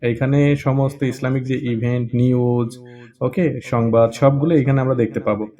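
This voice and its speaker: A man walks through an app in a relaxed, chatty way. He keeps checking in with the listener and pauses on fillers. His voice sits at an ordinary middle pitch. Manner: chatty, with frequent "okay?" check-ins and fillers. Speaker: app tutorial presenter. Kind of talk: casual app walkthrough tutorial.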